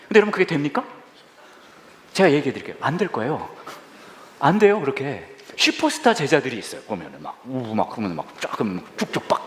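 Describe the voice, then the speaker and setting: Man, pastor; quick, lively and playful sermon delivery, fairly high voice, roomy church reverb. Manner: playful, animated, acts out scenes with sound effects and mock shouts. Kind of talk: humorous casual sermon. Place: church sanctuary. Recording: echoey hall, voice somewhat distant.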